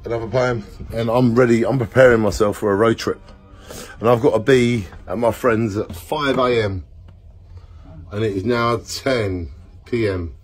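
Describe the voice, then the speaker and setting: A man in his forties talks into a phone held at arm's length inside a small home. His voice sits at an ordinary middle pitch. He rambles cheerfully and sometimes sinks to a low murmur, with faint music playing behind him. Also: fairly even intonation, normal speed, husky. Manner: rambling, upbeat, drifting into soft murmurs. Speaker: vlogger. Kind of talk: casual home vlog.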